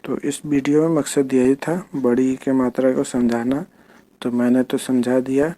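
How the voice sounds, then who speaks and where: A man teaching children to read, slowly spelling out each word syllable by syllable in a patient lesson. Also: mid-range voice, little pitch movement, warm tone. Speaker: Hindi reading teacher.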